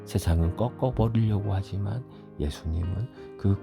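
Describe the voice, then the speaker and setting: A middle-aged man preaching a sermon as a pastor, telling stories, acting out quoted voices and dropping at times to soft whispers. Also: lowish voice, unhurried, creaky, over music.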